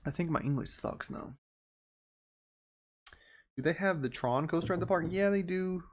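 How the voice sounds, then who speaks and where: A man's voice: fairly high pitch, normal speed. A man hosting an investing livestream, reading news items aloud and then chatting loosely about them with asides and small chuckles. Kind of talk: casual live-stream commentary.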